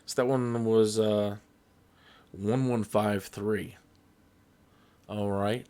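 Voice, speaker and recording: A man's voice: on the low side, steady tone, extremely slow, warm tone, clear, resonant tone. A man hosting a flight simulator tutorial, talking in a casual, rambling, jokey and folksy way.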